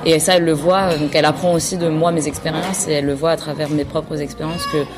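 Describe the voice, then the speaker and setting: A woman's voice: deep voice, flat delivery, fast, background noise. A woman who was born in France, a podcast guest, talks casually and thoughtfully with many fillers and restarts. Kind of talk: casual conversation.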